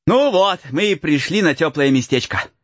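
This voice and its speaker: A man's voice: on the high side, lively intonation, moderate pace, no echo, highs cut off, voice pushed up, natural voice. Man doing a cheeky, cackling forest boy. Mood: teasing. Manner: teasing, cackling, folksy. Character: mocking cheeky forest boy, laughing runaway.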